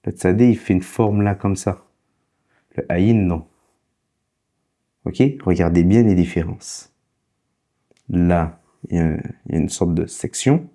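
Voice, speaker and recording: A man with a low, mellow voice and a slight foreign accent gives a relaxed spoken lesson. He explains things patiently and goes back over the key points. His delivery is casual and steady. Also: a little slow, long pauses. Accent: foreign accent in French. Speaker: teacher.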